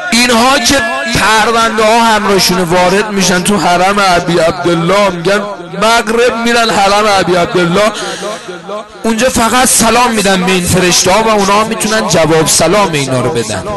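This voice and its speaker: A man with a high voice delivers a mourning sermon at a religious gathering. He explains steadily, then swells into impassioned, wailing exclamations. A crowd is clearly heard around him. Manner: preaching, rising to impassioned wailing cries. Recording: crowd audible behind.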